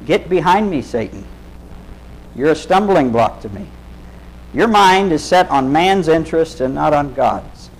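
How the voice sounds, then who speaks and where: A man preaching, voicing a calm, authoritative male teacher who gives firm rebukes. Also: fairly high pitch, unhurried, rough recording. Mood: stern.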